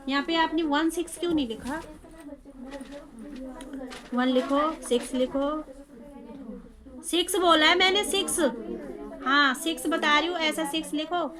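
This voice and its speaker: A woman's voice: high voice, fairly even intonation, measured pace, long pauses, crowd noise. A woman tutoring a small child, talking in a coaxing way and repeating simple questions. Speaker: home tuition teacher.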